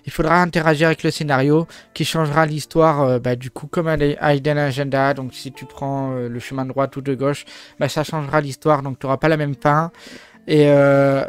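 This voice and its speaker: This gaming video host is a man whose first language is French, and he rambles casually through game overviews, cracking jokes and filling his talk with fillers and restarts. His voice sits fairly high with a level tone, delivered briskly and smoothly over faint background music.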